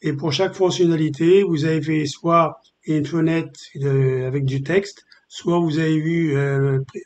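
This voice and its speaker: A man's voice: a little high, darkish tone, dull audio. Hesitant man walking through a coding demo. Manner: hesitant, many filler pauses. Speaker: software tutorial presenter. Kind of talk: screen-recorded coding tutorial.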